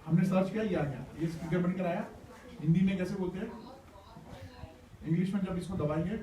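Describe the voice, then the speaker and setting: Guy teaching kids in a classroom, cheerful and coaxing, echoey, lots of chatter behind. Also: high-pitched. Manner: encouraging and playful, coaxing pupils. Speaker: teacher running a school workshop. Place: school classroom. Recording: echoey room, distant mic, noisy class.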